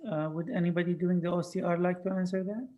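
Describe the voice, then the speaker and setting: A man moderates an online Q&A and walks the group through technical points. His pitch sits a little high, and his delivery is measured and careful. He often restarts a phrase mid-thought. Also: level tone, warm tone, highs cut off. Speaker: moderator and project lead.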